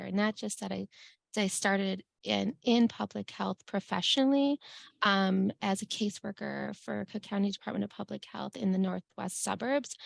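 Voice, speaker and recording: A woman's voice: medium pitch, creaky, no room sound. A middle-aged woman from Chicago, speaking as an epidemiologist to a community group and telling a personal story, with lots of "like" and restarts. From Chicago, USA. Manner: many fillers and restarts, says "like" often.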